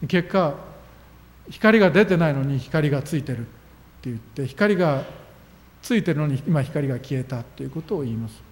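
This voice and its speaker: A man's voice: on the high side, animated, normal speed. A man preaching a sermon as a pastor, earnest and emphatic, with sudden rises in his voice. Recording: long reverb of a hall.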